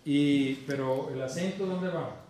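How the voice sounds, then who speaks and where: A man's voice: a little high, measured pace, darkish tone. A man teaching an Esperanto class in a university classroom, patiently drilling pronunciation and repeating words. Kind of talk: classroom instruction. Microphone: far room recording. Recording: echoey classroom from far off, faint noise.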